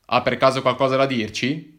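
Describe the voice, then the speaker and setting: A man's voice: mid-range voice, level tone, a little fast, fairly bright tone, natural voice. Man doing a stern plainclothes policeman. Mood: formal. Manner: formal, firm, a little hesitant. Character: middle-aged male plainclothes narcotics officer, formal and stern.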